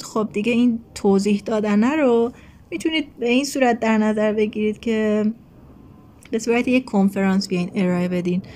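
A woman from Iran teaching an English lesson online. She explains patiently with many fillers, slips English phrases into her talk, and clears her throat as her voice starts to go hoarse. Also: mid-range voice, a little mellow, a little hiss or hum.

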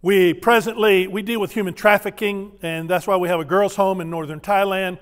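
A man's voice: high-pitched, fairly even intonation, normal speed, big-room sound. An older man giving a folksy, humorous sermon as a visiting missionary speaker, telling stories and getting the congregation to repeat greetings after him. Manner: folksy, humorous, leads the congregation in call-and-response. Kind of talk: sermon with storytelling. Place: church sanctuary.

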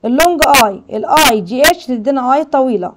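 A woman teacher with an Egyptian Arabic accent who explains a school English lesson, reading English lines slowly and translating them with questions to her pupils. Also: high voice, lively intonation, background noise.

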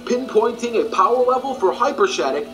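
A man reading a scripted video narration in a brisk, matter-of-fact, informative way. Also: extremely high pitch, animated, low-quality recording. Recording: background music.

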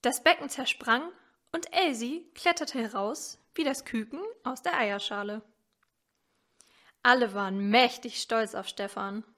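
A woman reading a story aloud in a measured, expressive way. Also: a little high. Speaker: story reader at a church advent event.

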